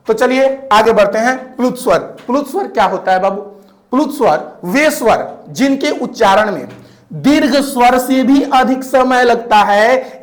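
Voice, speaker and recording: A man teaching a grammar lesson, repeating each point and often asking whether it is clear. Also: very high voice. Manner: repetitive, checks in often with rhetorical questions. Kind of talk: classroom-style grammar lesson.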